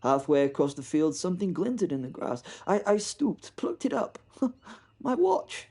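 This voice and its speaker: Telling a horror serial in the first person, this British podcast narrator sounds wry, stumbling and repeating himself often. He has a high, creaky voice with a darkish tone and very animated delivery.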